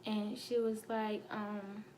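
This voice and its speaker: A young woman telling a painful personal story, halting with many fillers and fighting back tears. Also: medium pitch, flat delivery, darkish tone, a little hiss or hum. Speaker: vlogger.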